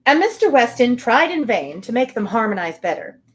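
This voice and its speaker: A woman with a slightly high, very animated voice hosts a live reading of a novel at a moderate pace. Between passages she adds chatty, wry commentary.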